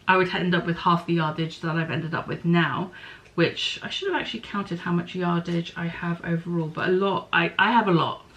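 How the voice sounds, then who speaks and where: A woman's voice: lowish voice, a bit bright, rough recording. A middle-aged woman hosting a podcast, chatting casually about her knitting and spinning, thinking aloud and stopping to apologise for small slips. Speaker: podcast host.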